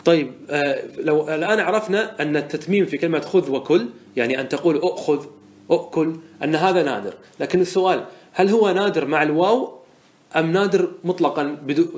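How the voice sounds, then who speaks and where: Patient male teacher giving a grammar lecture. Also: fairly high pitch. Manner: patient explainer who asks rhetorical check questions; repeats and restarts words while thinking aloud. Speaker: teacher of Arabic morphology. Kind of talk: classroom lecture explaining a didactic poem.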